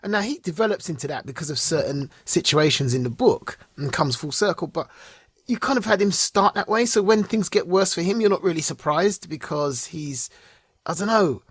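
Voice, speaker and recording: A man co-hosts a podcast, casually chatting about and reviewing TV shows, laughing often and letting sentences trail off. His voice is a little high and animated with a breathy edge, at normal speed, recorded in studio quality with no echo.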